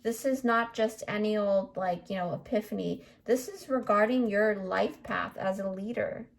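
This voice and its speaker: A woman's voice: medium pitch, moderate pace, creaky. A woman giving a casual tarot reading straight to her viewers, chatty and meandering, full of fillers and restarts. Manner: addresses the viewer directly, reassuring. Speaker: tarot card reader.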